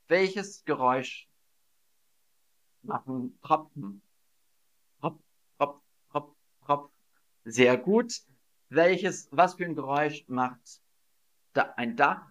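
Slow, lively-voiced male German teacher. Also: medium pitch. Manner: slow, drawn-out teaching delivery with repeated questions; acts out sounds playfully. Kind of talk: livestreamed language lesson. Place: Berlin.

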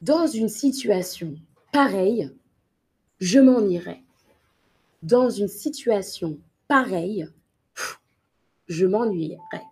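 Slow, breathy woman teaching French. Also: mid-range voice, expressive, darkish tone. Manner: slow and deliberate, repeats each word and example for learners; greets viewers in the chat by name. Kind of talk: live online vocabulary lesson.

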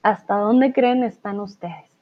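A woman with a Colombian accent teaching a live online Spanish lesson, patiently explaining and often checking in with her students. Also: medium pitch. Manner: patient, explains slowly with frequent "¿vale?" check-ins. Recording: tinny phone-like audio.

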